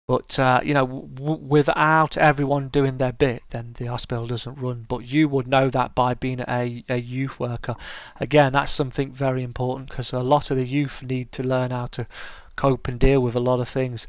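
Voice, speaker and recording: This middle-aged streamer has a smooth, soothing voice of medium pitch, recorded with no room sound. He hosts a casual live chat, reading and answering viewer comments in a friendly, talkative way, with plenty of restarts and stammers.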